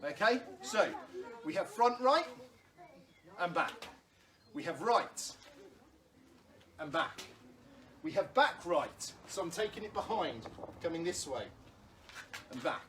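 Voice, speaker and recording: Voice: mid-range voice, sing-song, slow, pauses often, a crowd in the background. A stage combat instructor teaching footwork at home, explaining each step patiently and reassuringly, with the odd light laugh, while calling out drills to follow. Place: room at home during lockdown. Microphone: camera in front of a standing speaker.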